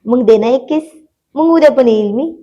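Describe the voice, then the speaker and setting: A woman's voice: high-pitched, normal speed, mellow, muffled recording, close to an everyday voice. Teasing young man, as a woman narrator voices him. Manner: teasing, coaxing.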